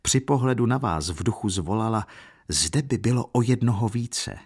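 A man with a very low, deep voice reads the part of a calm, worldly older count. He speaks gravely and without hurry, giving his warnings in steady, measured phrases.

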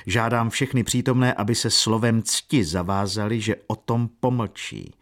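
A man's voice: lowish voice, lightly acted. A man reading a stern older colonel's lines in a firm, commanding storybook voice.

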